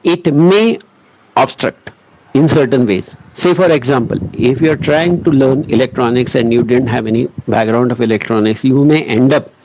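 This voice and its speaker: A man with an Indian English accent talks students through their options in an online guidance session. His voice sits in an ordinary middle pitch, and his delivery is earnest but halting, with frequent pauses and restarts. A faint noise runs underneath. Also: darkish tone, poor audio. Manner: earnest, hesitant, with many pauses and self-corrections. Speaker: coaching academy teacher.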